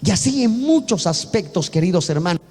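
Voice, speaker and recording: A man's voice: high-pitched, sing-song, brisk, darkish tone, big-room sound. A man from Bolivia preaching a sermon as a pastor, talking earnestly and repeating himself with many restarts.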